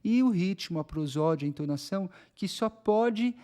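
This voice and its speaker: Brazilian man teaching, slightly high voice. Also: lively intonation, normal speed, warm tone. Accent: Brazilian Portuguese. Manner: conversational, checks in with listeners. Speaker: educator. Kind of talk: explanatory teaching talk.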